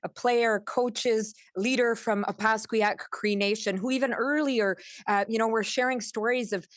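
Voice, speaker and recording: A woman's voice: on the high side, steady tone, measured pace, dry recording. A woman hosting a press conference, introducing speakers earnestly with many fillers. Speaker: host.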